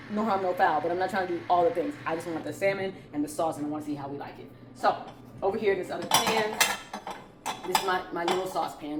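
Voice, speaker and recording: In a home kitchen with roomy echo and clattering utensils, a woman with a Southern US accent casually hosts a cooking demonstration for her vlog. Her chatty, informal voice sits low and sounds a little mellow.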